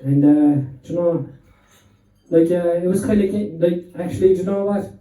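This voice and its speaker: Slightly winded, an Irishman from Limerick in his thirties mocks himself in a crude stand-up routine and jokes back and forth with the audience at a pub. He speaks at a normal speed in a high voice with a dark tone, recorded from afar with the echo of the room.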